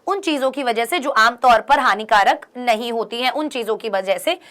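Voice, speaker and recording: Bright, high-voiced woman teaching a class. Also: expressive. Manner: reads English lines slowly, then explains in Hindi with checking questions. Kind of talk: exam-prep lesson explaining an English text.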